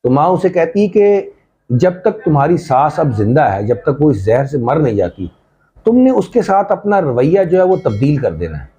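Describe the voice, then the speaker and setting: Man with a mellow, fairly high voice telling a story. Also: very animated, normal speed. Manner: conversational, addresses listener directly. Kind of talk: casual spoken storytelling.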